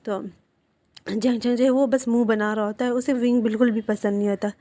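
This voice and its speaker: A woman's voice: fairly high pitch, steady tone, a little fast, mellow, no room sound. Woman casually retelling a drama. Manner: conversational, with frequent restarts.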